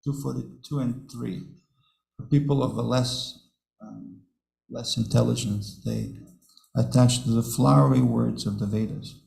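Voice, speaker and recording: A man's voice: mid-range voice, fairly even intonation, measured pace, vocal fry, darkish tone, reverberant, rough recording. A man giving a devotional scripture class, telling stories to his audience, chuckling often and repeating his words. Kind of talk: devotional class talk with storytelling. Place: temple hall.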